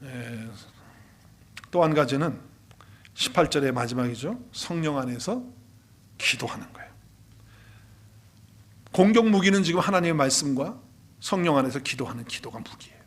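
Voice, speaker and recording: A man's voice: mid-range voice, expressive, moderate pace, long pauses. A man preaching a Sunday sermon as pastor, emphatic, repeating key phrases and putting questions to the congregation. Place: church sanctuary.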